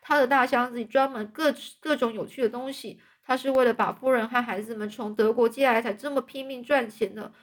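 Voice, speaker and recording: A dramatic, talkative orphan girl, put on by a woman in a storybook reading, her voice pitched high and emotional. She pleads and tumbles through long runs of words. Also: steady tone, a little fast, few pauses, natural voice. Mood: chatty.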